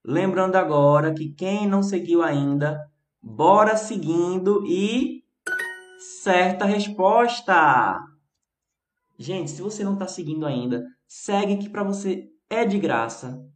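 A man teaching English on a live phone stream, reading English lines slowly and chatting in between with viewers. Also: high-pitched, echoey room. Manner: slow careful English reading, chatty Portuguese asides.

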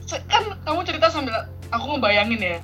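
A woman's voice: sits high, big pitch swings, fairly quick, pushed and bright, soft background music. A woman co-hosting a casual podcast chat, playful and teasing, laughing often. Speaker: podcast co-host.

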